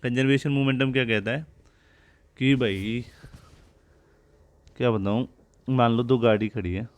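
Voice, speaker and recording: A man's voice: medium pitch, fairly even intonation, a little slow. A male teacher giving a physics lecture in a conversational classroom style, asking questions and answering them himself. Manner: explains step by step, asks and answers his own questions.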